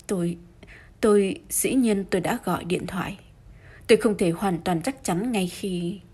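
A woman's voice: medium pitch, lively intonation, normal speed, a little mellow, breathy edge. A woman doing a flustered pleading young wife.

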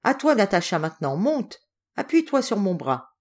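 A woman voicing an affectionate, gruff old Russian general in an audiobook, in a hearty, animated way. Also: medium pitch, normal speed. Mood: fond, hearty.

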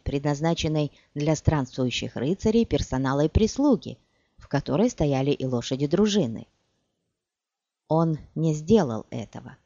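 A woman narrating an audiobook in a measured, even storytelling way. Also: low-pitched, no room sound. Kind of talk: scripted narration. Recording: dull dry recording.

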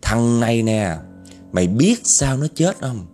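A man's voice: medium pitch, big pitch swings, unhurried, a little mellow, soft background music. A man voicing a vengeful long-haired female ghost who snarls threats. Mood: bitter, menacing.

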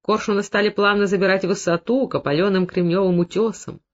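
A narrator reading a novel aloud in a measured, steady literary manner. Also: medium pitch, muffled recording. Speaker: audiobook narrator.

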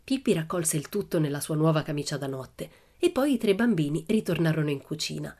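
A woman reading a children's story aloud as an audiobook in a lively, expressive storytelling manner. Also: low voice, fairly quick. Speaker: audiobook reader.

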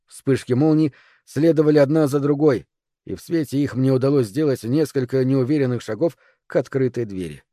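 A man reading a first-person audiobook in a measured, even voice. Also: medium pitch, dry recording, clean studio sound. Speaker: audiobook narrator. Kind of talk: scripted first-person narration.

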